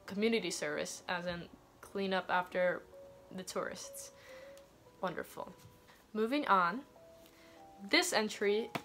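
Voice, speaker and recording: A woman's voice: medium pitch, fairly bright tone. A twenty-year-old woman chatting casually and reading aloud in an embarrassed, self-mocking way, with theatrical asides. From Thailand. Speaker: vlogger reading her teenage diary. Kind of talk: casual chat mixed with reading aloud from a diary.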